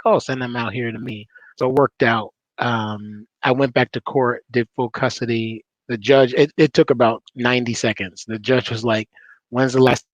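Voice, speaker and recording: A man's voice: mid-range voice, no echo, rough recording. Man telling an emotional story. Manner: emotional, storytelling with quoted voices. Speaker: panel guest, father. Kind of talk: personal story on a panel.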